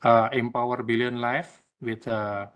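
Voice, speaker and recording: Presenting in an online session, this man from Indonesia, a non-English speaker, stumbles through with frequent restarts and fillers. He keeps a measured pace in a fairly bright, mid-range voice that barely moves in pitch.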